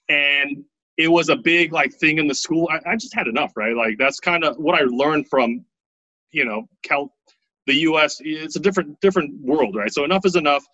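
A man's voice: a little high, moderate pace, bright, forceful tone, no echo, dull audio. A man in his thirties from Taiwan, telling his life story casually as an interview guest, often tagging his lines with "right?".

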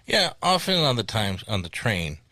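A man's voice: on the low side, very animated, moderate pace, pushed and bright, no echo. A man hosting a podcast, introducing clips and calls with dry, wry remarks. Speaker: podcast host and producer. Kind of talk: casual chat.

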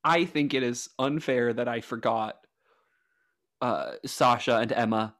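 With a mid-range, slightly bright voice and a measured pace, a man co-hosts a podcast of casual comedic chat. He laughs often and jokes in a self-mocking, mock-formal style.

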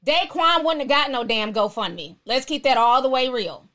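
A very high-pitched woman talks casually as host of her own live stream. She is sassy and outspoken, answering commenters bluntly and with plenty of slang. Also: expressive, normal speed, pushed and bright.

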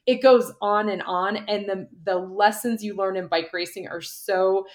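A woman's voice: mid-range voice, steady tone. A middle-aged woman, a former pro cyclist and coach, chatting casually in an interview and telling stories with lots of "like". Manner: chatty, quick storyteller with frequent "like".

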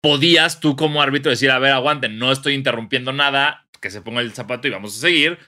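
Young mexican guy chatting on a podcast, bright sharp voice, animated and slangy. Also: mid-range voice, quick pace. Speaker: podcast co-host. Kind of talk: casual chat.

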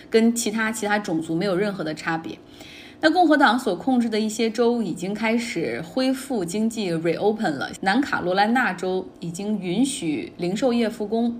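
Female podcast host, mid pitch, chatty and opinionated daily news commentary, faint noise underneath. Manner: opinionated, conversational.

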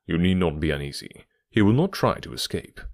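A man voicing a calm, authoritative detective in an audiobook, with a quiet, assured and stern manner. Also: low voice, brisk, no room sound, clean studio sound. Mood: calm assurance.

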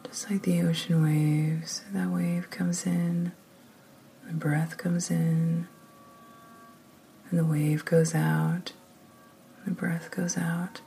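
A woman leading a guided meditation in a soft, often whispered, slow and soothing voice. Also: fairly low pitch, level tone, vocal fry, a little hiss or hum.

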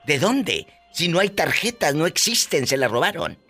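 Dramatic, animated Mexican man hosting. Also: fairly high pitch, normal speed, breathy edge, soft background music. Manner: dramatic, exclamatory, sympathetic. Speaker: radio and podcast host. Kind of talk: live casual talk show chat.

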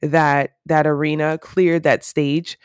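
A woman's voice: low voice, little pitch movement, slow pace, smooth, dry recording. Earnest woman in her thirties, dry sound. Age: 30s. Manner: earnest, rambling, with many fillers. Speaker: podcast host. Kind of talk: reflective solo podcast monologue.

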